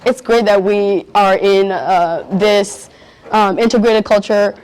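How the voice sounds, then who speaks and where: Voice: medium pitch, fairly even intonation, slow pace, darkish tone, clean tone, rough recording. A young adult, answering interview questions earnestly and searching for words. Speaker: youth interviewee at a community event.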